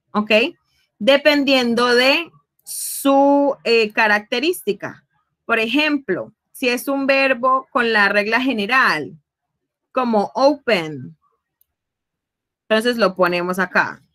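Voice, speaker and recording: A woman whose voice leans high, bright and forceful explains English grammar to Spanish speakers on a low-quality recording. Patient throughout, she shifts between Spanish and English, draws example words out slowly, and checks in regularly with tag questions.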